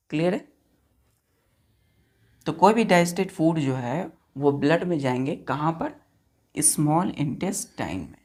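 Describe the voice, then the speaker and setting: A woman with an Indian accent teaches science in a low, unhurried voice. She dictates notes at a deliberate crawl and spells terms out letter by letter. She keeps checking in with questions to her students. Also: darkish tone. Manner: quizzes students with repeated questions. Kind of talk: classroom science lesson.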